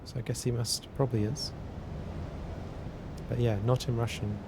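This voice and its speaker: In a cold indoor room, a man chats casually on a live stream, reading chat and working through math problems aloud in a halting way, often repeating words. His voice has vocal fry and an ordinary middle pitch, with a steady low rumble of noise underneath.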